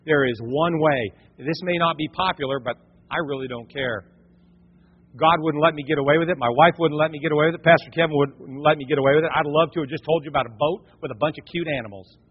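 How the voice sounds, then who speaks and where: A male pastor preaching a sermon in an animated way, rising to near shouts when he drives a point home. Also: a little high, fast talker, breathy edge. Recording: dull lo-fi sound with long hall reverb.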